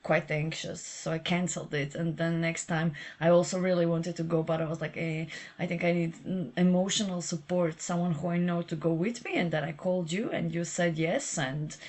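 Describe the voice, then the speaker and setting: A woman's voice: lowish voice, fairly even intonation, moderate pace, hardly any pauses, a little mellow. Chatty woman hosting a podcast. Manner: chatty and upbeat, with fillers. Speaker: podcast host. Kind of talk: casual podcast chat.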